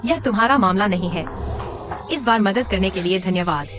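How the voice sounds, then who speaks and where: Woman dubbing a cool young heroine, dismissive, self-assured, mid-pitched. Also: normal speed, noisy background, natural voice. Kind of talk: dubbed drama acting.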